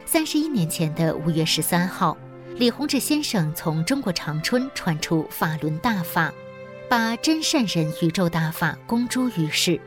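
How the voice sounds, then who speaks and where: A woman anchoring a news program, announcing the stories with lively intonation. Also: lowish voice, moderate pace, over music. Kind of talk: scripted news narration.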